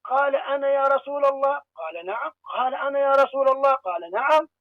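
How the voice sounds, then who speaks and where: A man's voice: extremely high pitch, animated, quick pace, no room sound, lo-fi sound. A man in a religious debate who keeps explaining and asking to finish his point.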